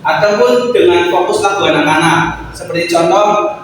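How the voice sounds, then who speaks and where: A man's voice: high voice, normal speed. A young man, a student, giving a loose, rambling classroom presentation and walking through spoken examples. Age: young adult. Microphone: far camera. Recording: echoey classroom, far from the mic, background noise.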